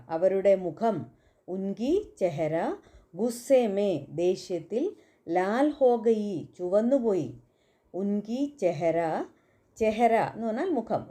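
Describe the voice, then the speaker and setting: Slow, mellow-voiced woman teaching Hindi. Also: mid-range voice. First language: Malayalam. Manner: slow, careful repetition of example phrases. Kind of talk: spoken language lesson.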